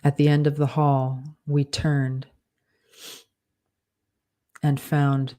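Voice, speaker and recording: Writer dictating fiction, spoken punctuation; mellow tone, unhurried delivery. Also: medium pitch. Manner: measured, flat dictation, spelling out punctuation and corrections.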